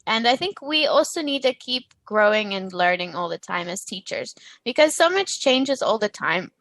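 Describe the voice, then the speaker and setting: A woman hosting an interview, encouraging and quick to laugh along with her guest. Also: medium pitch, very animated, a bit bright, no room sound. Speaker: interview host. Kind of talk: casual interview chat.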